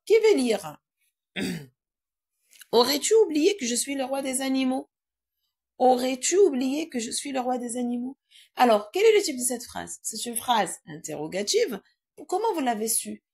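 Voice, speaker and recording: A woman's voice: fairly high pitch, creaky, slightly rough. A woman teaching a grammar lesson in a classroom, quizzing her pupils and repeating their answers.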